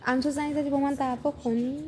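A woman's voice: sits high, flat delivery, crowd noise, close to an everyday voice. An actress playing a flustered young woman defending herself on a phone call. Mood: defensive. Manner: defensive, pleading.

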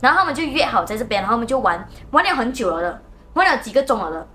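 A woman host, telling a story in a lively, casual way and acting out sounds. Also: a little high, rapid-fire, slight background noise. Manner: animated, acts out sounds and motions.

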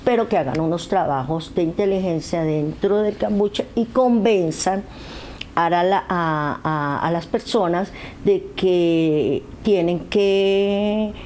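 A woman's voice: fairly low pitch, takes it slowly, a little mellow, a little hiss or hum. An older woman giving interview testimony indoors, speaking hesitantly with many fillers and restarts. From Colombia and Venezuela. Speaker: interviewee, aid volunteer. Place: living room indoors.

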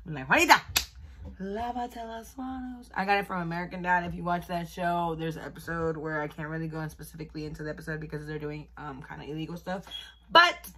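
Her voice is deep and fairly bright, delivered flatly and briskly, as this woman in her 20s films a beauty vlog. Chatting casually in a get-ready-with-me style from a small indoor bedroom, she switches between Spanish and English.

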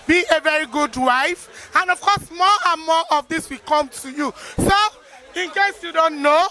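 A Nigerian woman presenting live from a busy event, excited and gushing with praise as she interviews guests. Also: high-pitched, normal speed. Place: busy salon during a launch event.

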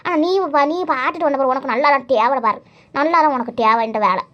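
A woman doing a high, nosy gossiping neighbor. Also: quick pace, natural voice. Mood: prying. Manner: prying, gossipy. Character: nosy middle-aged village neighbor woman. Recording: dull lo-fi recording.

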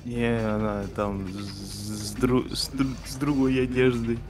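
A man's voice: mid-range voice, flat delivery, slow. A man chatting casually as he follows along with a game, often stammering and repeating words. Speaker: gaming companion off camera. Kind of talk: casual chat over a game. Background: game music.

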